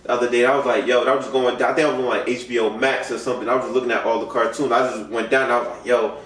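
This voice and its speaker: A man's voice: mid-range voice, fairly even intonation, very fast, a bit bright. Laid-back man hosting a podcast. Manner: loose, laid-back slang with constant "you know what I'm saying". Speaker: podcast host. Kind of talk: casual podcast chat. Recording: roomy echo, mic far off.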